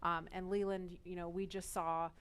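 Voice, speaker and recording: Clear, smooth woman hosting live coverage. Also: fairly low pitch, little pitch movement, moderate pace. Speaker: launch broadcast host. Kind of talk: live broadcast commentary.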